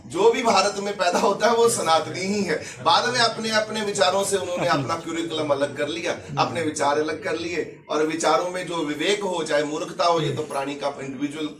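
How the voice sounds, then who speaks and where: A man's voice: fairly high pitch, normal speed, few pauses, a crowd in the background. A man speaking as a spiritual leader who answers questions at a religious gathering, emphatic and explanatory. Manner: emphatic, preaching, explains terms. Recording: echoey, far from the mic.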